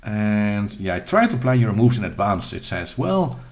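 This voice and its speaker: A middle-aged man with a fairly low voice talks over his gameplay in a casual, unhurried voice-over. He is self-deprecating and halting, with plenty of fillers and restarts as he thinks aloud. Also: sing-song, a little mellow. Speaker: retro gaming channel host.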